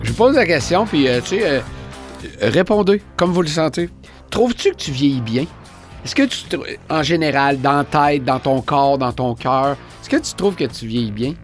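Québécois woman host, 50s, playful teaser, animated pitch, clear music bed. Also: normal speed. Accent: Québécois French. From Quebec. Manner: playful, teasing, laughs often. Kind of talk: casual chat.

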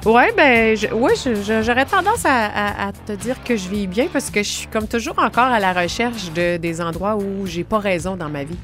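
A woman's voice: medium pitch, normal speed, few pauses, fairly bright tone, soft background music. A woman, speaking reflectively as a guest and often restarting her sentences. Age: 40s. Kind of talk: casual chat.

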